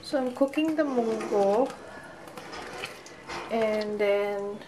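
A woman's voice: on the high side, very slow. A young woman with a Filipino accent chatting casually to a camera, mixing Tagalog into English and trailing off. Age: young adult. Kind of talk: casual chat vlog. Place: apartment kitchen indoors. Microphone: camera at arm's length. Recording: roomy kitchen, light background noise.

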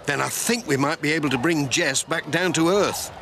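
A man playing a friendly, earnest village postman in a children's cartoon, encouraging and helpful, with an animated delivery. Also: a little high, moderate pace, gravelly, noisy background. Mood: thoughtful, encouraging. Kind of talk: children's stop-motion cartoon acting. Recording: music behind the voice.

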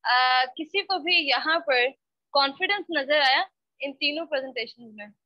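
High-voiced woman teacher scolding her class. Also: moderate pace, dry recording. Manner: scolding, mixes Hindi-Urdu with English. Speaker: spoken English teacher. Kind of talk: online class lecture. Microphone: computer mic on a video call. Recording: dull, dry online-call audio.

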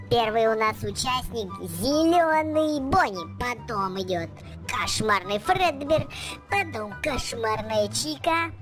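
A video host giving excited game commentary for kids in an exclamatory way, repeating words in bursts. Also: mid-range voice.

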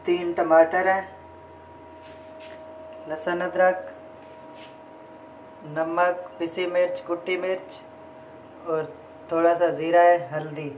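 Young male home-cook vlogger, monotone step-by-step delivery, phone mic in a kitchen with frying in the background. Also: high-pitched, takes it slowly, long pauses, slight background noise, poor audio. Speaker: cooking vlogger. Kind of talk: casual cooking narration. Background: frying and sizzling in the pan.

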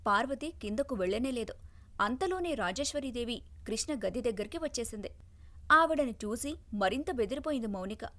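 A woman storyteller giving scripted, expressive narration of a family story. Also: fairly high pitch, fairly quick.

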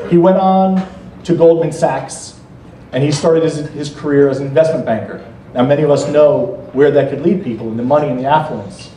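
A middle-aged American man giving a formal introductory speech at a gala, measured and earnest with occasional light jokes. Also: a little high, mellow, slight background noise. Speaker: speaker introducing the keynote at a political gala. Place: banquet hall stage at a podium. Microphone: podium microphone, filmed from across the room. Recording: echoey hall from far off.

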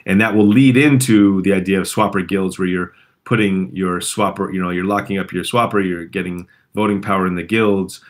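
Casting note: low-voiced man, hoarse throat, loose call host full of ums. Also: steady tone, a little fast. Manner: rambling with many fillers and restarts. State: sore throat, coughing. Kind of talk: casual community call.

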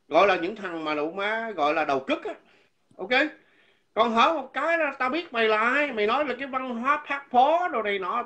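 A man's voice: sits high, pushed and bright, muffled recording. A man delivering an angry, insulting monologue as a vlogger, repeating himself and stumbling over words. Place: living abroad.

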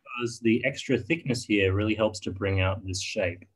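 A man explains his carving on a video call, speaking softly and hesitantly, often pausing and restarting his sentences. His voice sits fairly low and has a husky, breathy edge. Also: low-quality recording. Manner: soft-spoken, hesitant with many ums and restarts. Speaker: spoon carver giving a demo. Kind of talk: casual video-call discussion.

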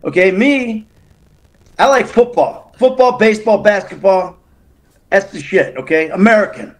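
A middle-aged man talking over a video call from a room indoors, gruff and joking, swearing casually. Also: high-pitched, unhurried, poor audio. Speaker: guest voice actor.

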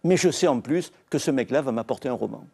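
A man's voice: medium pitch, expressive, quick pace, creaky, darkish tone, breathy edge. An older man with a southern French accent from Marseille, a novelist guest telling stories earnestly on a TV book show. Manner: storytelling, earnest, quotes and repeats phrases. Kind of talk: televised literary talk. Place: TV studio.

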